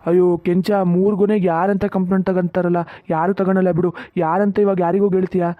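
An actor voicing a fussy older village farmer, in a cartoon, grumbling and talking to himself fast. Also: mid-range voice, little pitch movement, no room sound, close to an everyday voice. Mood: fretting. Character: older village farmer with coconut grove, fussy, fretting about money. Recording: tinny narrow-band sound, dry.

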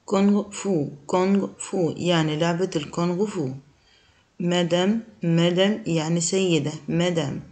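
A woman's voice: on the low side, darkish tone. A woman teacher, going through English vocabulary and repeating each word with its meaning.

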